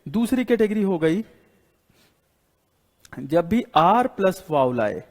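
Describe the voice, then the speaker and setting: A man's voice: sits high, big pitch swings, takes it slowly, darkish tone. A man with an Indian accent teaching an English lesson, repeating rules and quizzing students as he writes on the board. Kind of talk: classroom lecture in Hindi. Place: classroom with a board. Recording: long hall reverb.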